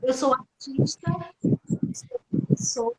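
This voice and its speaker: A woman's voice: high voice, expressive, slow pace, a little mellow, echoey room, rough recording. A middle-aged woman from Pernambuco, a guest actress and theatre teacher, speaking reflectively in a live video call and often searching for her words. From Pernambuco, Brazil. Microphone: computer mic on a video call.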